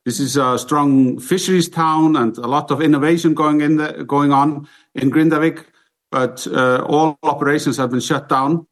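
A man giving an interview comment in a plain, halting way. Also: on the high side, fairly even intonation.

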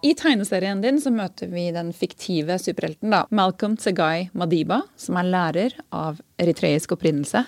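A woman interviewer asking lively, teasing questions in a conversational interview. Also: on the low side, few pauses, dry recording, faint music behind.

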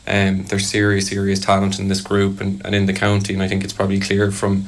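A young man from Kerry with a soft, fairly neutral Irish accent, giving hesitant, measured answers in a casual interview. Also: low voice, monotone. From Kerry, Ireland. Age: young adult. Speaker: Gaelic football player being interviewed.

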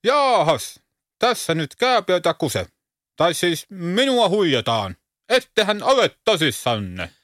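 A man's voice: high-pitched, big pitch swings, fairly bright tone, dry recording, studio quality. Man playing a fussy, smug show host.

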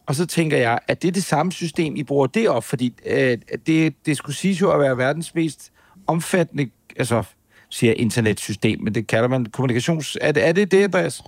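A man's voice: fairly high pitch, lively intonation, no echo. A man with a Danish accent co-hosting a podcast, chatty and joking, rambling with restarts. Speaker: podcast co-host. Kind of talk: casual chat.

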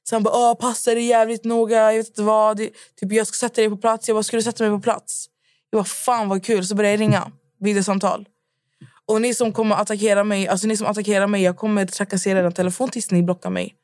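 Animated young woman telling a story. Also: medium pitch, dry recording, studio quality. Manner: animated storyteller, acts out both sides of chats. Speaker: podcast co-host. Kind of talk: casual chat.

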